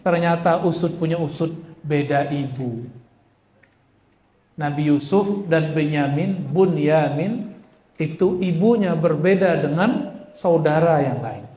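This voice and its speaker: A man preaching to a congregation in a lively, conversational way, quizzing the audience with rhetorical questions and slipping in jokes. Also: fairly high pitch, takes it slowly, pauses often. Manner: joking asides. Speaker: Islamic preacher. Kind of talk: lively sermon to a live congregation. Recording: echoey hall with faint background noise.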